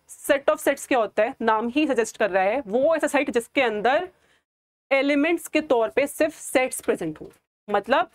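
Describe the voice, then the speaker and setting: Higher-pitched woman teaching math. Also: dry recording. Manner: asks rhetorical questions and answers them herself; mixes Hindi and English terms. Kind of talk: classroom lecture.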